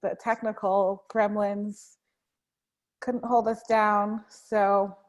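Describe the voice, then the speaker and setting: A woman tapping practitioner who leads slow spoken affirmations, then chats and giggles with her co-host. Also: mid-range voice, little pitch movement. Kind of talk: guided tapping affirmations, then casual chat.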